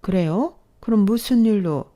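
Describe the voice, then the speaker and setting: A woman voicing a sharp-tongued, protective older mother-in-law who speaks in a cutting, commanding way. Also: mid-range voice, lively intonation, moderate pace, natural voice.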